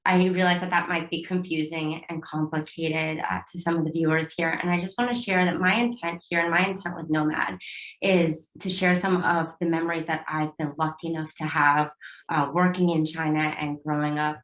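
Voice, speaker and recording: Earnest woman on a panel, thankful, lowish voice, roomy sound. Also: fairly bright tone. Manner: earnest and grateful. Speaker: dumpling company founder. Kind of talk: panel interview answer. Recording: echoey room.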